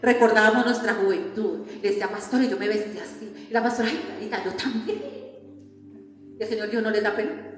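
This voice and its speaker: A woman's voice: medium pitch, fairly even intonation, fast talker. A woman preacher, delivering a sermon and firing repeated rhetorical questions at the congregation. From Colombia. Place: church hall. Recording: echoey church hall with long reverb.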